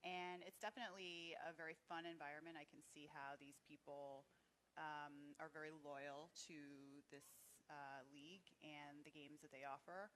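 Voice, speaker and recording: A female poker co-commentator with a fairly low voice. She chats in an upbeat way about the play at the table. Faint room ambience runs underneath. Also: fairly even intonation, normal speed, fairly bright tone, a little hiss or hum. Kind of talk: live poker broadcast commentary.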